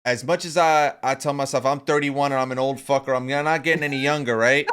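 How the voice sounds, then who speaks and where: A man in his thirties co-hosting a podcast, chatting casually. He talks with emphatic, profane conviction, like a pep talk. His voice sits at an ordinary middle pitch. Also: fairly even intonation, fairly quick, fairly bright tone, clear, resonant tone. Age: 30s. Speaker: podcast co-host.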